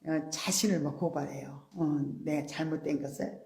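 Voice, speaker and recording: A woman preacher giving a sermon, explaining earnestly with soft, polite endings. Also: sits low, fairly even intonation, moderate pace, roomy sound. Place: church sanctuary.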